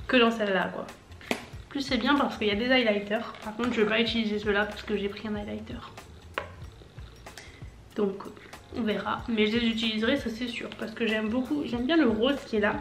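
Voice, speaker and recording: A woman in her twenties, a makeup vlogger chatting casually and explaining each step as she goes. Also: on the high side. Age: 20s. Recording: echoey room, faint background music.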